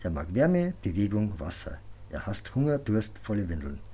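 A man reading an audiobook voices a calm, commanding grown woman who speaks softly but firmly, as if teaching. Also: on the low side, moderate pace. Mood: instructive. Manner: soft, firm, instructive.

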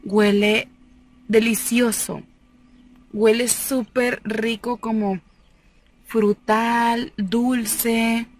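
Sitting in a parked car, a young Mexican vlogger who sells cosmetics unboxes products in casual, enthusiastic chat, laughing often, recorded on a phone at arm's length. Her voice is on the high side with a flat delivery, very slow and marked by long pauses.

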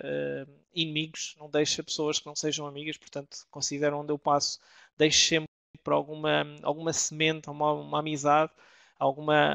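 European Portuguese man, middle-aged, gravelly, flat delivery, lots of hesitations, webinar presenter. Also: a little high, dry recording. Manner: hesitant, many filler sounds and restarts.

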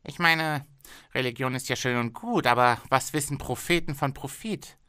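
A man voicing a greedy, fretful factory owner in an audiobook reading, with a strained, excitable tone. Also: medium pitch, normal speed, clear, resonant tone, no room sound, studio quality, pitched above the performer's own voice, natural voice. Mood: scheming.

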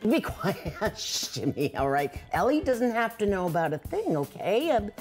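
Silly sneaky coach, squeaky voice that jumps all over, music behind. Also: male voice, exaggerated voice. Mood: wheedling. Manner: goofy, exaggerated, wheedling. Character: goofy, hungry, sneaky male pool coach. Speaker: kids' show character.

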